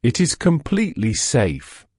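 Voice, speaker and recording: A man talks a listener down into sleep in a slow, unhurried voice. His pitch swoops widely, rising and sinking as he draws out each instruction. The sound is close and dry, with no room around it. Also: huge pitch swings, darkish tone, no room sound. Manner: slow, soothing, drawn-out delivery. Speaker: sleep hypnosis guide. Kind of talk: guided relaxation script.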